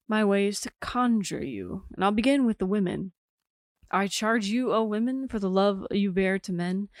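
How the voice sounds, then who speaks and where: A woman's voice: medium pitch, a little mellow, no echo, clean studio sound, lightly acted. A woman reciting a witty young epilogue speaker. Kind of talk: Shakespeare recitation.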